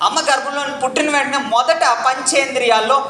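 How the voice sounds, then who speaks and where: Quick and steady in tone, a very high-pitched man leads a spiritual lecture where he questions the live crowd and urges loud replies. He repeats his main points in chant-like fashion. The recording is echoey, with a slight hiss or hum.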